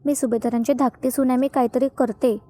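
A woman's voice: sits high, steady tone, fast, mellow, no room sound, close to an everyday voice. Woman voicing a scheming young daughter-in-law. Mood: fake sweet. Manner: sweetly fake, defensive.

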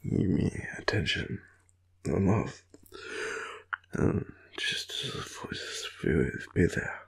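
An Australian audio roleplay performer plays a sleepy, clingy boyfriend who teases, murmurs and rambles in an intimate scene, often near a half-whisper. His voice is low-pitched, husky and expressive, with vocal fry and an extremely slow delivery.

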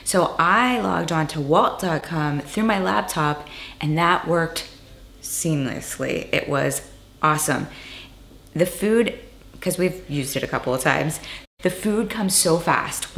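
A woman travel vlogger talks casually to camera indoors in a small apartment, her deep voice measured in pace and a bit bright. The rooms sound echoey, with some parts distant and noisy.

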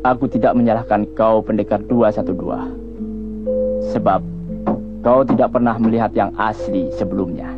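A man plays a composed, stern minister of a royal court in a costume film. His voice is fairly low and measured. The old soundtrack is tinny, with clear music behind. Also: steady tone, close to an everyday voice. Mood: grave, composed.

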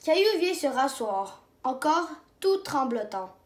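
Slow, high-voiced woman reading a storybook. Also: sing-song. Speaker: storybook reader. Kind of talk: children's book reading. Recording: roomy echo.

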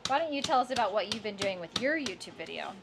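An upbeat woman in her thirties talks casually to the camera on a lapel mic. Her voice sits at an ordinary middle pitch. Steady ambient noise hums behind her. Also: quick pace. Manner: upbeat, chatty, coaxing her daughter. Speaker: sailing vlogger. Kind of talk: casual vlog chat. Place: small car, then boat galley. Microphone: clip-on lapel mic.

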